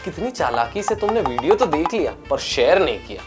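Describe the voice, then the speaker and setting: A man's voice: on the high side, very animated, fairly quick, over music. A young man in a scripted comedy sketch, playing a husband and firing off sarcastic one-liners.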